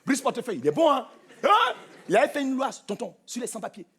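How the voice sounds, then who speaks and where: A man's voice: very high-pitched, wildly swooping pitch, fast, a bit bright, husky. A man with a Cameroonian French accent doing live stand-up on a theatre stage, teasing and punchy, talking straight to the crowd. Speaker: stand-up comedian.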